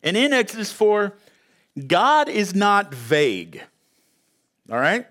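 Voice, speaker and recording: A man's voice: high voice, huge pitch swings, slow, a bit bright. A man preaching a sermon to a church congregation, telling a story in an emphatic, conversational way with a few fillers. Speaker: pastor. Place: church sanctuary with audience.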